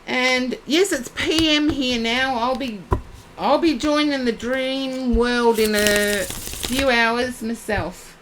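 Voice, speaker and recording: A woman's voice: sits high, slow pace, background noise. A woman giving psychic readings on a live stream, chatting and addressing viewers by name. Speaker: psychic reader.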